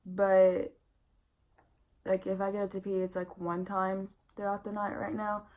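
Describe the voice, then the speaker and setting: Chatty young woman, flat-toned pregnancy vlog. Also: mid-range voice, measured pace. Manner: chatty and candid, lots of "like" and "I mean" fillers. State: pregnant and tired, yawning. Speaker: vlogger. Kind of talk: casual pregnancy update vlog.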